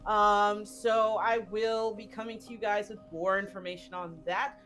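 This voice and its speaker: A woman's voice: medium pitch, level tone, normal speed, fairly bright tone, faint music behind. Rambling playful woman from Canada. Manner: rambling and playful, with many fillers. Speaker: tabletop game player and actress. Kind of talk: casual chat introducing herself.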